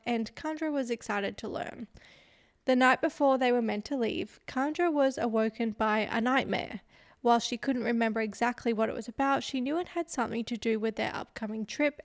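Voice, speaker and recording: A woman with a fairly high voice tells a true crime story on a podcast. Her narration is relaxed and chatty, and she breaks off now and then to tease her co-host. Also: no echo, studio quality. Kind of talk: casual storytelling chat.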